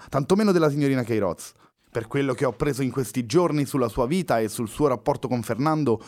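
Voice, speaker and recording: A man's voice: mid-range voice, darkish tone, pitched above the performer's own voice, close to an everyday voice. A man reading a story aloud, raising his voice to play a defiant, contemptuous young woman.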